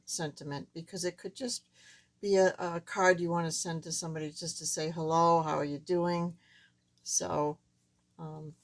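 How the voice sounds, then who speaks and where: A woman with a thin, squeaky, reedy voice that is not quite back to normal, giving a casual, step-by-step craft tutorial in a halting way. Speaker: card-making tutorial host.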